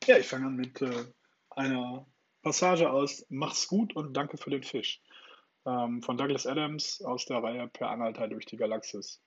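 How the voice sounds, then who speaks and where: A man's voice: medium pitch, measured pace, husky, lo-fi sound. A man hosting his own podcast, chatting informally with many fillers before reading a novel aloud. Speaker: podcast host and reader.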